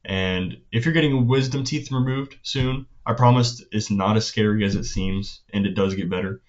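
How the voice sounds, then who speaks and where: A teenage young man talking casually in a personal vlog, with a hesitant, halting delivery and phrases that trail off. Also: lowish voice. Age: teenager, about 16. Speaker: vlogger. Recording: dull, lo-fi sound.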